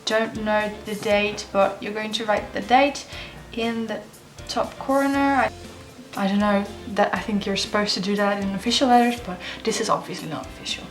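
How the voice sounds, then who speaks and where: A letter-writing blogger and video host chats casually through a how-to vlog, her medium-pitched voice moving at a normal speed. Her jaw is swollen from having her wisdom teeth removed, so her speech comes out slightly impeded. The room is reverberant, with faint music playing behind her.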